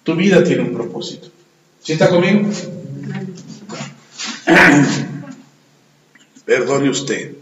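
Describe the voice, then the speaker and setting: A pastor preaching a sermon and telling stories, often putting questions to the congregation. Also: male voice, on the high side, animated, extremely slow, pauses often, noisy background. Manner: storytelling, asks the congregation questions. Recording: echoey hall, long reverb.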